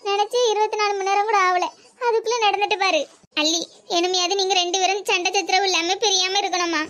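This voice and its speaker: A fretful old village grandmother from a cartoon, voiced by a woman, fussing over her grandchildren in a Tirunelveli Tamil accent. Her voice is very high and pinched. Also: steady tone, fairly quick, a bit bright. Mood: pleased. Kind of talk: cartoon voice acting.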